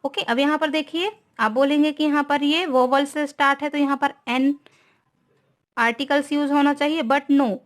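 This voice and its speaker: A woman's voice: sits high, fairly even intonation. A woman teacher giving a grammar lesson, asking questions and answering them herself. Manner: slow, asks and answers own questions.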